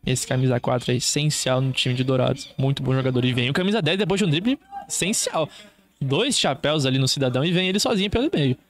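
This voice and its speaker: A man's voice: medium pitch, expressive, fast. A man with a Brazilian accent doing live football play-by-play as a commentator, in short clipped running phrases.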